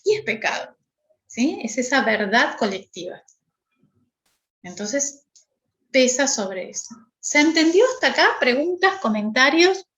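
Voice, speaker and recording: A woman's voice: high-pitched, animated, unhurried, pauses often, fairly bright tone, echoey room, poor audio. A middle-aged woman with a Rioplatense Spanish accent teaching a workshop class, explaining step by step and checking in with "¿sí?" again and again. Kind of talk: online class lecture.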